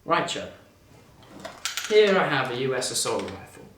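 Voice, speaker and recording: A man's voice: mid-range voice, sing-song, normal speed, fairly bright tone. A man playing a confident professor giving an emphatic, matter-of-fact infomercial sales demonstration. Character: confident male professor pitching absurd home weapons. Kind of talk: parody infomercial sales pitch. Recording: echoey room, distant mic, faint noise.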